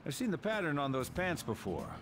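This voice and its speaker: A man's voice: on the high side, very animated, a little fast, noisy background. A man playing a suspicious police officer in a video game, questioning with authority. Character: suspicious adult male patrolling police officer. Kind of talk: English video game voice acting.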